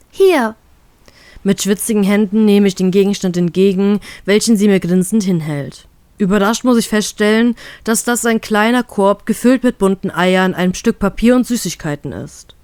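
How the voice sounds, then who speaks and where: A woman reading a fan story aloud in steady first-person narration. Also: mid-range voice, clean tone, dry recording. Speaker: fanfiction reader.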